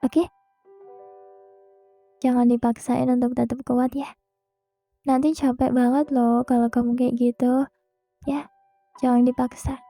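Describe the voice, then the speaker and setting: A young woman hosting a podcast, speaking a gentle, reassuring monologue straight to the listener. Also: sits high, level tone, unhurried, pauses often, no echo, faint music behind. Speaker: podcast host. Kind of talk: soft comforting monologue.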